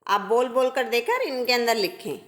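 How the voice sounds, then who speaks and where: Woman teacher for a children's grammar lesson, slow and patient, high voice, echoey room. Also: lively intonation, fairly bright tone. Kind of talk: primary school grammar lesson.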